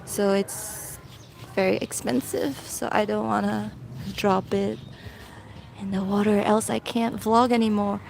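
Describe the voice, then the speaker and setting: A woman vlogger chats casually and live with her viewers, thinking aloud, filmed on a handheld phone beside a swimming pool. Her voice is medium in pitch, steady, a little slow, gravelly and a touch mellow. The phone mic picks up noisy poolside ambience.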